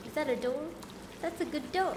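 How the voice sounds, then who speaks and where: A woman's voice: high-pitched, normal speed, background noise. A woman streaming a game live, chatting casually and giggling with her viewers.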